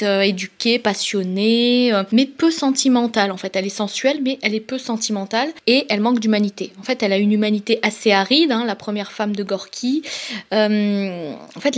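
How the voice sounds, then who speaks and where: A woman reviewing novels in casual book talk, pausing often with filler sounds. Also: mid-range voice. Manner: hesitant, many filler pauses.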